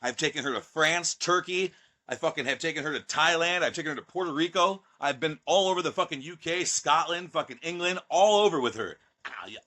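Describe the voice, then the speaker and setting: Brash, boastful man in his thirties, swears freely, voice sits a bit high and bright. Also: animated, a little fast. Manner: brash, profane and boastful, with mocking put-on voices. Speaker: guest, pro wrestler. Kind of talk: casual podcast chat.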